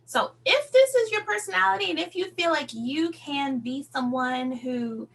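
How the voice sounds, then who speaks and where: Speaking at normal speed, this woman has a high-pitched, slightly bright, creaky voice as she motivates her team in her role as sales director, encouraging and emphatic yet conversational. The rough recording has noticeable background noise and hum.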